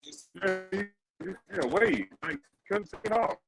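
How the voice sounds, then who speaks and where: A man calling in over a choppy connection that keeps cutting out, talking haltingly and asking if he can be heard. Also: high-pitched, gravelly, fairly bright tone, soft background music. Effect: choppy, cutting-out call connection. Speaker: player calling in remotely. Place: busy crowded spot.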